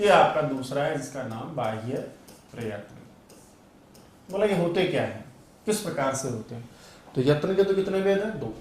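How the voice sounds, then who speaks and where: A man's voice: fairly high pitch, very echoey. A man teaching Sanskrit grammar in an online exam-prep class, repeating key terms and asking and answering his own questions.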